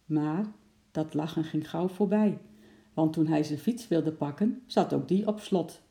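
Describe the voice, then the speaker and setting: A narrator reads a children's story in a lively, animated way. The voice is dark and gravelly. It is recorded in a roomy, echoing space. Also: mid-range voice, measured pace. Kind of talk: children's audiobook reading. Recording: roomy echo.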